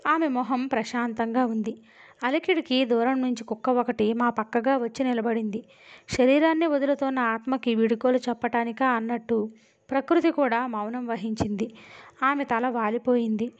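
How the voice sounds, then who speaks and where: A woman reads a novel aloud in a steady, expressive storytelling voice. Her pitch sits somewhat high, and the recording is dull and lo-fi. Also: moderate pace. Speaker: audiobook narrator. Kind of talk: dramatic novel reading. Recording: dull lo-fi audio.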